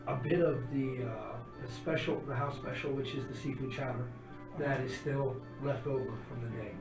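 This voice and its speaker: A man running a tabletop role-playing game, narrating and improvising as game master. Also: medium pitch. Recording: roomy, distant mic with music behind.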